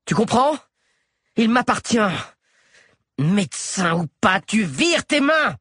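A man voicing a fierce, defiant young woman held captive, shouting her defiance. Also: sits high, big pitch swings, takes it slowly, husky, no echo, clean studio sound, pitched above the performer's own voice, full character voice. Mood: furious defiant.

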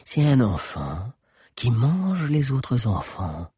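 A man voicing a huge teenage boy leader who speaks calmly and threatens in a low voice. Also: takes it slowly, breathy edge, no echo, studio quality, exaggerated voice. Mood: menacing. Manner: calm, commanding, low menace. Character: giant teenage boy leader, bold and menacing.

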